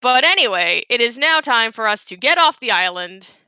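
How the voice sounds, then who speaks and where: A woman's voice: on the high side, big pitch swings, normal speed, pushed and bright, clean tone, dry recording. A woman giving casual, chatty live commentary on her own game run, with playful asides.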